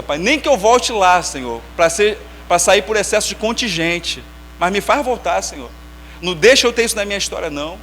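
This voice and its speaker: Young Rio lay preacher, high tenor, emotional testimony sermon, hushed to exclaiming, faint hum. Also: male voice. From Brazil. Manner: emotional storytelling, swinging from hushed prayer to raised exclamation. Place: church sanctuary.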